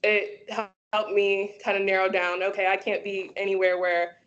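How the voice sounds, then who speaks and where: A woman's voice: mid-range voice, little pitch movement, moderate pace. Young woman, student, chatty with lots of ums, a bit muffled on a call. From Georgia, USA. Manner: soft-spoken, frequent ums and likes. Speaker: optometry student. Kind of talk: webinar guest sharing experience. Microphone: video call.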